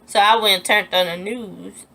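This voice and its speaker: Young woman vlogger, storytime: animated, emphatic, acts out the dialogue. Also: mid-range voice, moderate pace, vocal fry. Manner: animated, acts out quoted lines in a raised voice; emphatic, repeats herself when upset. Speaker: vlogger telling a personal story. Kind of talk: storytime vlog.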